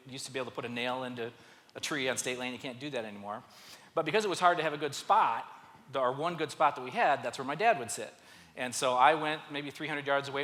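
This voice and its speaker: Man telling stories in a reverberant hall. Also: mid-range voice. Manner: animated, self-mocking storyteller. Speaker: speaker at a men's church event. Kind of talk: storytelling talk to a live audience. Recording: live hall with long reverb.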